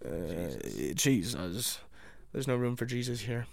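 A man's voice: on the low side, very animated, slow pace, gravelly. A young man co-hosting a podcast, teasing and joking in casual banter. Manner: joking, teasing, breaks into laughs. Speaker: podcast co-host.

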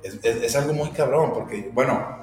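A man's voice: medium pitch, moderate pace, darkish tone, heavy reverb, in a large hall, soft background music. A man with a Mexican accent, a bakery director talking as a podcast guest, slangy and swearing freely as he tells stories. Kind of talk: casual podcast interview.

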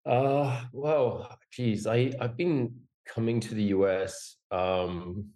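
A man's voice: mid-range voice, slow pace, mellow. A man in his forties, an Australian-born company founder, speaking as a podcast guest in a rambling, casual way with self-deprecating humor. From Australia, raised in Singapore and Hong Kong. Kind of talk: casual conversational interview.

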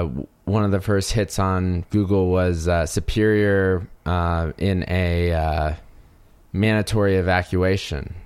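A man co-hosting a podcast, telling a story in a measured, hesitant way with many fillers and the odd dry chuckle. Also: deep voice, clear, resonant tone, no room sound. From United States. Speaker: podcast co-host, audio circuit designer. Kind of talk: casual conversational storytelling.

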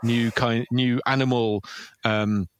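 A man's voice: mid-range voice, fairly even intonation, slow pace, smooth, no echo. A man talking casually about ideas as an author guest, thoughtful and hesitant with many fillers and restarts. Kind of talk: casual intellectual conversation.

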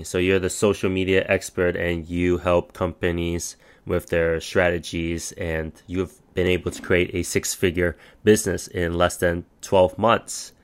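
A man hosting a podcast who reads a measured, announcer-like introduction and then puts questions to his guest. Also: sits low, clear, resonant tone. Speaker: podcast host.

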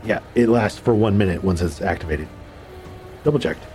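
A man's voice: low-pitched, normal speed, darkish tone, faint music behind. A man acting as game master, casually narrating and adjudicating a tabletop game.

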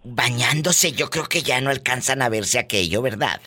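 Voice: medium pitch, animated, normal speed, slight background noise. Flamboyant, teasing radio host. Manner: teasing, flamboyant, shouting catchphrases. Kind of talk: comedic radio banter.

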